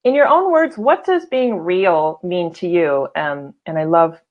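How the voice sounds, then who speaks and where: In a casual interview, a Californian woman in her forties hosting a show chats with her guest, gushing with enthusiasm and frequently starting sentences over. Her lowish voice is animated yet unhurried, and the highs are cut off in the audio.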